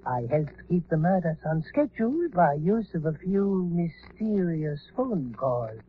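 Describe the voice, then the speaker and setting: An actor playing a scheming, cultured villain in an old radio drama, with a theatrical, precise manner. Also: male voice, on the high side, big pitch swings, measured pace. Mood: gloating, menacing. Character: scheming, gloating male villain, cultured professor and murderer. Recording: tinny, noisy vintage radio recording.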